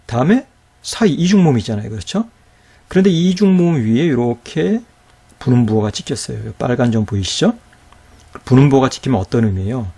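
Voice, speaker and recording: A man giving a recorded grammar lecture in a mellow, slightly husky voice. He walks his listeners through each point patiently and keeps checking that they are following. Now and then he slows down to sound out syllables one by one. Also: mid-range voice. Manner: patient, explains step by step and checks with rhetorical questions; sounds out syllables slowly and distinctly. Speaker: Greek grammar teacher.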